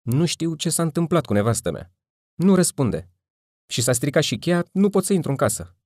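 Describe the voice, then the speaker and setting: A man's voice: a little high, big pitch swings, darkish tone, no room sound, studio quality, pitched above the performer's own voice. A man voicing a flustered, bewildered middle-aged man who pleads in formal, anxious speech. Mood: agitated.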